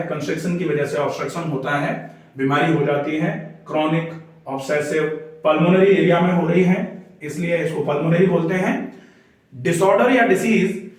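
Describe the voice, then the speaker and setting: A male doctor explains a lesson patiently, one step at a time. His voice sits a little high, and he sounds set back from the mic. The room rings with a heavy echo. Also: far from the mic. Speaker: doctor teaching a health lesson. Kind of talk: explanatory lecture drawing on a board. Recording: echoey room, voice from away from the mic.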